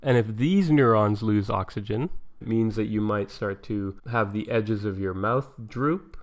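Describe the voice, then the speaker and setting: Male lesson narrator, fairly low pitch, casual explainer who asks and answers his own questions. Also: measured pace. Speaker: medical explainer.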